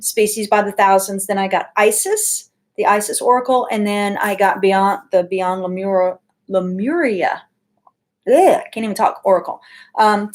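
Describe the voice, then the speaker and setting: A woman giving a casual weekly oracle card reading from her home office, chatty and full of ums and asides. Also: medium pitch. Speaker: tarot and oracle card reader.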